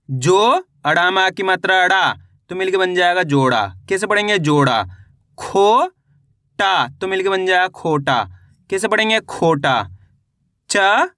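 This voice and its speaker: Man, reading teacher, high and bright voice, dry close sound, sounds out syllables slowly and deliberately. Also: no room sound. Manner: slow and deliberate, sounding out syllables then repeating each word. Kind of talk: spelled-out reading lesson.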